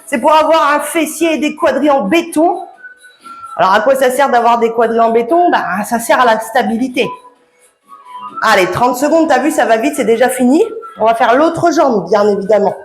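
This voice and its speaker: A woman's voice: on the high side, lively intonation, normal speed. A woman coaching a home workout, chatty and encouraging, laughing often and slightly out of breath. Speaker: fitness coach. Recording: echoey room with background music.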